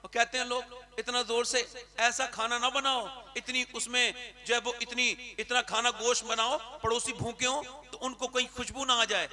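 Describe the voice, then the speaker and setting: High, bright-voiced preacher with gravel. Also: male voice, little pitch movement, normal speed. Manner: swings from soft storytelling to shouted climaxes; calls on the crowd to respond. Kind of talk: emotional devotional sermon.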